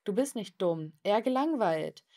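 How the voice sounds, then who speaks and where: A woman voicing an awkward, apologetic teenage boy who tutors a classmate, talking earnestly and explaining gently. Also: medium pitch, expressive, normal speed.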